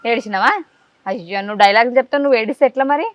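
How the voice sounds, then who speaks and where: Fast-talking woman interviewer. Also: on the high side, no room sound. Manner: coaxing, rapid-fire questions. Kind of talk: casual interview with a child. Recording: dull lo-fi dry sound.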